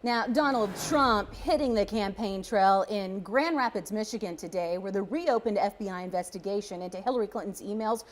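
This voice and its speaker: A woman's voice: medium pitch, moderate pace, hardly any pauses, a little hiss or hum. A woman anchoring a local television newscast, reading scripted stories. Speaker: news anchor.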